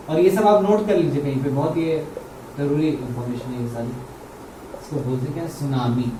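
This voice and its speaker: Male Hindi-speaking grammar teacher, Indian English accent, dark tone, quizzes the class, roomy echo. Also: on the high side. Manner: repeats key words and asks the class questions. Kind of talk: explaining grammar at a board in Hindi. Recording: roomy, mic far off, faint hum.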